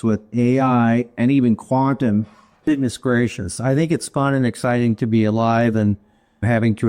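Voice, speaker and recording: A man's voice: medium pitch, dark tone. A middle-aged man, a guest in an interview, answering casually with chatty stories and jokes at his own expense. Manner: chatty, storytelling, jokes at himself. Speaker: guest, information security executive.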